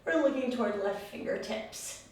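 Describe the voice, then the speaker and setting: A woman teaching a yoga class, giving step-by-step pose instructions in a calm, soothing, encouraging way. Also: fairly high pitch, moderate pace. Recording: very echoey room, far mic, faint noise.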